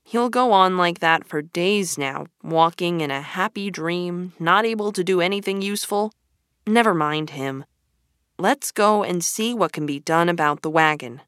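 A woman's voice: lowish voice, unhurried, smooth, no room sound, studio quality. A woman voicing a sensible male water rat who speaks firmly and matter-of-factly, sometimes sharply. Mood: dismissive. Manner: firm, matter-of-fact, sharp.

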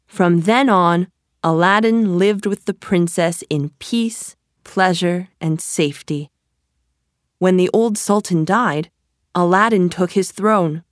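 A woman reading a storybook aloud as narrator, slow, clear and measured. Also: fairly low pitch, dry recording, studio quality.

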